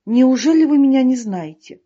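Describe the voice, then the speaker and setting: A woman voicing a vain, pompous male ladybug poet who declaims slowly. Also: sits high, lively intonation, warm tone, voice pushed up. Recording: dull lo-fi recording.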